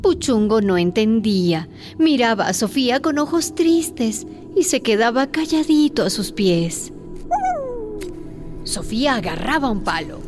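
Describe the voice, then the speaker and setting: A woman giving expressive, scripted narration of a children's story. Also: on the high side, unhurried. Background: music.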